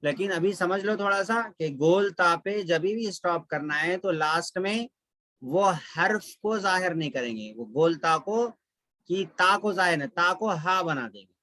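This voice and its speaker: A man's voice: a little high, bright, forceful tone, no room sound, studio quality. A man teaching Quran recitation rules step by step, drawing out each example syllable by syllable and repeating it. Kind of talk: step-by-step tajweed lesson.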